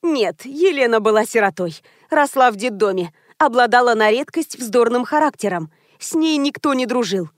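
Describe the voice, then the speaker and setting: A woman voicing a pushy, scheming female publicist who talks briskly and confidently in an audiobook. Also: fairly high pitch, animated, no room sound, studio quality, natural voice.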